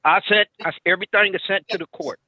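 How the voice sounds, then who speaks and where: A man's voice: high-pitched, fairly even intonation, a crowd in the background. Muffled phone voice of a man. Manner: halting, repeats his words. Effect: muffled, tinny phone line. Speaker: party in a court hearing. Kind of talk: testifying to a judge. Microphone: telephone. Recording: dry narrow phone-line sound.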